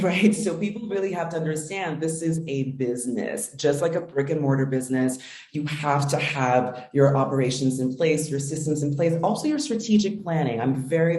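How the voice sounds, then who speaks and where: A woman's voice: sits low, mellow, roomy sound. A woman business coach answering interview questions earnestly, with frequent ums.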